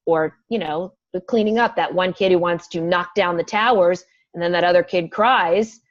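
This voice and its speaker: A woman's voice: fairly low pitch, normal speed, dry recording, dull audio. A woman, a special education teacher, chatting as a podcast guest and acting out the things she says to children in class. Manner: animated, acts out classroom phrases. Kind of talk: casual interview chat.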